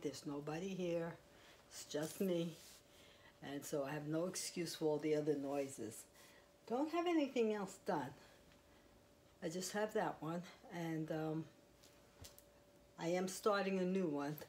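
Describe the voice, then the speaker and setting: A woman with a low voice talks through her crochet in a loose, rambling way, full of fillers. She speaks into a clip-on mic in a quiet house, with a faint hiss behind her. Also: lively intonation, unhurried, long pauses. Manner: rambling, chatty, with fillers and small laughs. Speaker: crochet vlogger. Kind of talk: casual show-and-tell. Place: quiet home, indoors.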